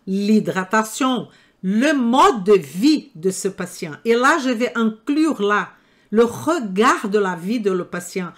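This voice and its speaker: Slow, emphatic older woman with an accent. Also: medium pitch. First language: not French. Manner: slow, emphatic, rhetorical questions. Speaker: nutrition trainer. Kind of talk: lecture to health professionals. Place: room with live audience.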